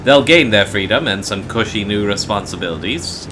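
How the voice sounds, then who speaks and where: A man reading a video game's dialogue as a learned mentor, formal, rhetorical, measured and persuasive. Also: on the low side, lively intonation, background noise, close to an everyday voice.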